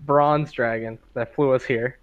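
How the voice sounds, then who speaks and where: A man's voice: medium pitch, fairly even intonation, measured pace, smooth. A man playing in a tabletop game online, joking and recapping names. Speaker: player. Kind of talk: casual game chat. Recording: dull lo-fi voice chat.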